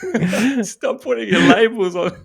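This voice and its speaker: A man's voice: extremely high pitch, a little slow, gravelly, slightly rough, pitched above the performer's own voice, full character voice. A man voicing an exasperated male home-brand supplier in a whiny, complaining tone. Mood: indignant.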